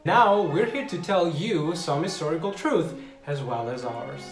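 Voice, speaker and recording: Host, man, joking, opinionated, raised pitch, roomy echo, faint music. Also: lively intonation, a little slow. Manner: joking, opinionated, restarts sentences. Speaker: podcast host. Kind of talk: casual chat.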